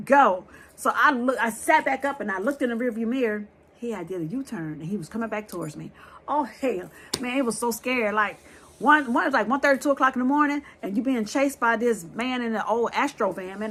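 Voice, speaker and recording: A woman telling a scary true story to her viewers in a lively, blunt way, talking straight to them and swearing freely. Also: fairly high pitch, slightly rough.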